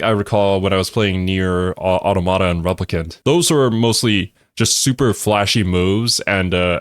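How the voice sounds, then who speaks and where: A man's voice: deep voice, dry recording, clean studio sound. A man giving casual, unscripted reaction video commentary in a thoughtful, somewhat hesitant, musing way.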